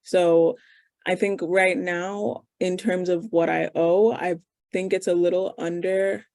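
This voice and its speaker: A young woman in her twenties answers interview questions as a medical student over a video call. Her voice is dark and gravelly, with a dry sound close to the mic. She talks casually and thinks aloud, with plenty of fillers. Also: fairly low pitch, level tone, slow, dry recording. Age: 20s.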